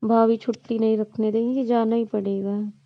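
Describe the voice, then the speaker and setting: A woman voicing a cheeky younger brother who speaks loudly and teasingly, in a dull lo-fi recording. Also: fairly high pitch, level tone, moderate pace, no room sound, lightly acted.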